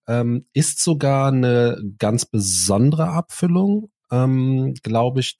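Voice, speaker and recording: A man co-hosting a podcast in casual chat, open and friendly, often pausing on ums and uhs as he thinks. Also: medium pitch, a little mellow, no room sound, studio quality. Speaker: podcast co-host.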